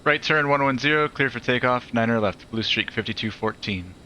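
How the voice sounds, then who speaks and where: A man calls out a takeoff like a pilot in the cockpit, talking into his headset in clipped, procedural aviation phrasing. His voice is bright and forceful, and a faint engine-like hum sits behind him. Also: mid-range voice, fairly quick, low-quality recording. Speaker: flight simulator pilot.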